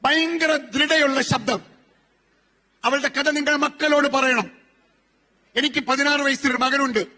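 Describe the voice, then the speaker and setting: A man's voice: very high voice, fairly even intonation, unhurried, long pauses, bright, forceful tone. A man in his forties giving a motivational speech, telling stories and asking rhetorical questions. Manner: storytelling with rhetorical questions and repetition. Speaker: motivational speaker.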